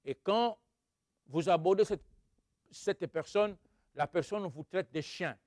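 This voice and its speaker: A man delivers a sermon, reading scripture, crying out hallelujah and putting questions to his congregation as he moves between loud outbursts and quiet asides. His voice is high-pitched and his pace slow. The studio recording is clean, with no echo.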